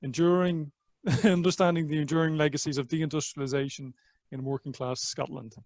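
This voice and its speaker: A man's voice: a little high, fairly even intonation, a little fast, no room sound. Man chairing a seminar, dry sound. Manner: friendly, hesitant with fillers. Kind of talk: introducing a speaker.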